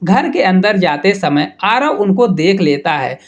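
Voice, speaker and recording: A man narrating a scripted love story at a steady, even reading pace. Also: sits high, unhurried.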